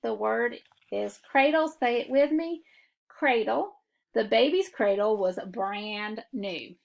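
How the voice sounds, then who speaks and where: A woman teaching a phonics lesson, walking through syllable marking step by step in a deliberate classroom manner. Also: fairly high pitch, animated, vocal fry. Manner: slow, deliberate classroom instruction. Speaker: reading teacher.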